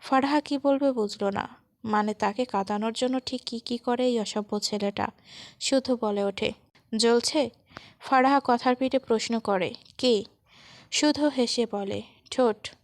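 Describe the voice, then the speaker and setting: Woman reading a romance story, gravelly voice, kinda high, dry close mic. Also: normal speed, no echo. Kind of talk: scripted narration of a romance story.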